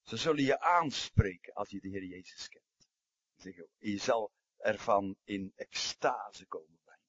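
A man delivers a sermon with a husky, slightly breathy voice. He tells stories, sinks into quiet passages and climbs into forceful emphasis. The recording is dry and muffled, with a dull lo-fi sound. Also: lowish voice, animated, a little slow, no echo. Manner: storytelling, swings from hushed to emphatic. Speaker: preacher.

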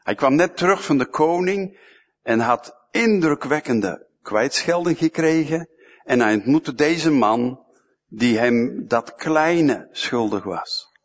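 A man's voice: medium pitch, animated, takes it slowly. A man preaching a sermon, emphatic and fond of repeating short phrases, in a church hall, with a dull, echoey sound.

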